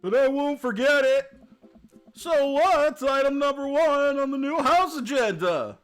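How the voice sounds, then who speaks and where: A man voicing a sarcastic teenage girl in her last year of high school, teasing her dad with deadpan quips in a game playthrough. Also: measured pace, faint music behind. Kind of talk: playthrough voice acting.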